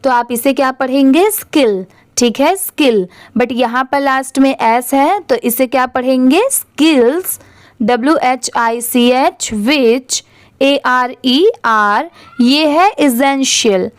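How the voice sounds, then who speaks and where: Woman teacher, dry close sound, slow patient lesson, letters spelled then blended. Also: high-pitched, dry recording. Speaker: English teacher.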